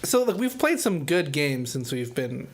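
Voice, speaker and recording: A man's voice: a little high, very animated, a little slow. A young man co-hosting a casual podcast, telling stories enthusiastically and giggling as he goes. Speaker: podcast co-host. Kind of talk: casual chat among friends.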